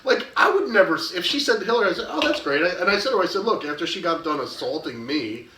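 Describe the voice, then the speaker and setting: A man's voice: high-pitched, animated, fast, pushed and bright, slight background noise. A man in his thirties with a cold, telling a long, profane story in casual chat. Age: 30s. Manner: rambling, profane storytelling with laughs. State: has a cold. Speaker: co-host. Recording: echoey room, mic at a distance.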